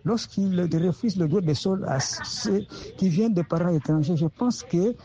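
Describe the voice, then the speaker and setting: A man's voice: sits high, animated, moderate pace, dark tone. A man giving his opinion on air in an earnest way, often rephrasing himself, heard over a dull lo-fi line.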